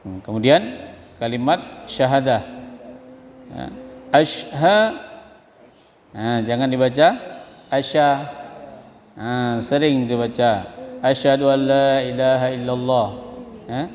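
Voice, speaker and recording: A man's voice: medium pitch, darkish tone, a little hiss or hum. Man chanting and correcting recitation, reverberant. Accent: Acehnese. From Indonesia. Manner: slow sung chanting alternating with brisk corrective explanation. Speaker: Quran recitation teacher. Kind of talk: recitation lesson, chanting then explaining. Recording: long hall reverb.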